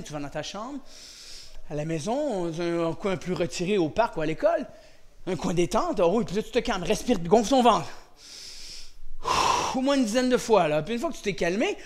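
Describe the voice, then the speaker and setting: A man with a Quebec French accent teaching an online karate class for children, shouting counts and commands with lots of energy. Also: sits high. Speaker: karate instructor.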